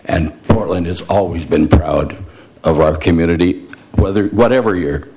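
An elderly man speaks at a public meeting in a deep, low voice. He is informal and halting, circling back to repeat phrases for emphasis. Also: mellow. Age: 70s or older. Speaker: veteran bar owner giving testimony.

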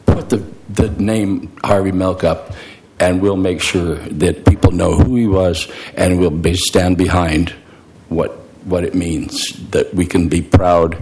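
An older man in his seventies or beyond gives an informal public speech, halting and repeating phrases for emphasis. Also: sits low, darkish tone, poor audio. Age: 70s or older. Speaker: veteran bar owner giving testimony. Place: public meeting room.

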